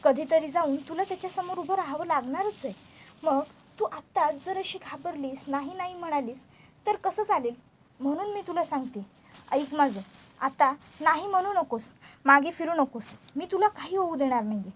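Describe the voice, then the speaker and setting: A woman's voice: high voice, animated, normal speed, a little hiss or hum. A woman doing a firm, protective young woman. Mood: firm reassuring. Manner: firm, soothing. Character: calm, protective older sister figure, reassuring.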